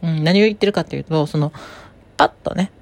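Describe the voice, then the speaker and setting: A woman hosting her own podcast as a voice trainer, giving advice in a calm, explanatory, conversational way. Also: low-pitched, fast talker, gravelly. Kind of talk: casual solo podcast talk.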